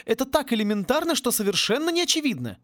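A man's voice: very high-pitched, very animated, fast, fairly bright tone, voice pushed up, heavily acted. A man reading an audiobook and voicing a haughty, grumbling woman who teaches palm-reading.

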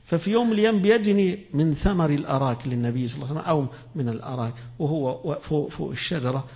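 A man's voice: a little high, racing, darkish tone. A man with an Egyptian Arabic accent giving a sermon, switching between classical and colloquial Arabic and acting out the people he quotes. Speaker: Islamic preacher.

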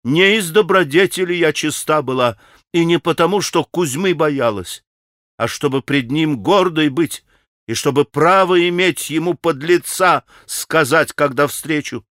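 A man voicing a proud, hot-tempered young woman in an audiobook, shrill and scornful. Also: a little slow, fairly bright tone, dry recording, studio quality. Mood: scornful hysterical.

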